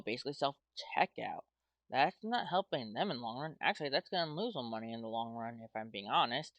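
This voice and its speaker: A man's voice: mid-range voice, fairly bright tone, no echo. An American man rambling hesitantly in casual commentary as a YouTuber, talking his way through his thoughts with lots of "well" and "like". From United States. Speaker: YouTuber playing a game.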